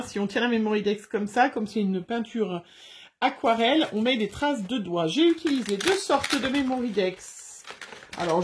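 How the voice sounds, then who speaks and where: Chatty French crafting vlogger woman. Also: a little high. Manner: chatty, many fillers and restarts. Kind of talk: casual chatty crafting tutorial.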